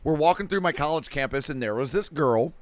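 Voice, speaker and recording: A young man co-hosting a casual podcast, telling crude jokes and animated stories. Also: on the high side, brisk, no room sound. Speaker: podcast co-host. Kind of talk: casual storytelling chat.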